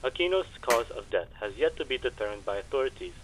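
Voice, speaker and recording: A man's voice: medium pitch, expressive, fast, over a noisy crowd, lightly acted, low-quality recording. A man playing a 1980s radio news reporter, speaking in a formal, declamatory announcing style from a rally. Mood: solemn, urgent. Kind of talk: scripted news report acting.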